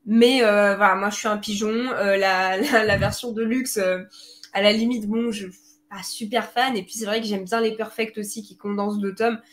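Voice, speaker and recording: A woman's voice: mid-range voice, steady tone, moderate pace. A woman chatting on an online podcast, talking freely with many fillers and small restarts. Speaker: podcast panelist. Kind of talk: casual online chat. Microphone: home computer mic on a video call.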